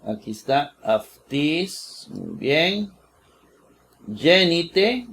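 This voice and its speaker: Brief: male teacher, slightly higher voice, very unhurried lesson, repeats every word, keeps checking "right?". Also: very animated, vocal fry, a bit bright. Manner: slow and deliberate, repeats each word several times; asks "¿verdad?" to check listeners follow. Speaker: Bible teacher. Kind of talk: slow screen-share lesson.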